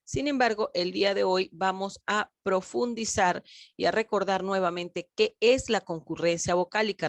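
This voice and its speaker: A woman teacher giving a recorded grammar lesson, speaking slowly and emphatically, stretching key words and addressing her pupils directly. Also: mid-range voice, dry recording.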